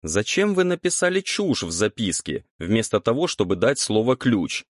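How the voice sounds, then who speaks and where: A man's voice: lowish voice, big pitch swings, moderate pace, no room sound, clean studio sound, pitched above the performer's own voice. A man voicing a stubborn young man who answers his teacher defensively, in an audiobook. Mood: sulky. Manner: sulky, defensive.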